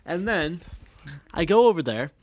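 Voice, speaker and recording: A man's voice: a little high, moderate pace, dry recording. A man co-hosting a podcast, casually telling a story, swearing freely and acting out what people said. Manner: animated, swears freely, acts out quotes. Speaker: podcast co-host.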